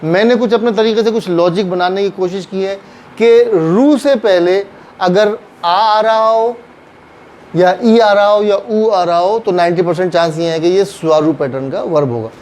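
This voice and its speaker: A man's voice: high-pitched, a little slow, a little mellow. A man with a Pakistani Urdu accent teaches a Japanese grammar lesson patiently, repeating each phrase and acting out example sentences. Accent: Urdu-speaking Pakistani. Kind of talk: classroom lesson explaining grammar.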